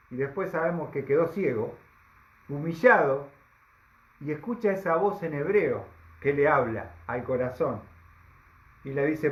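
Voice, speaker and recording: A high-pitched man preaches with emphasis, dragging out key phrases and tossing rhetorical questions to the congregation. His voice rings through a reverberant hall. The recording sounds dull and lo-fi. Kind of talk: sermon.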